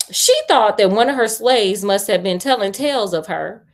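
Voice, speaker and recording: On a livestream, a woman host reads a story aloud with expressive delivery, breaking in with playful, colloquial asides. Her voice is mid-range and her pace measured.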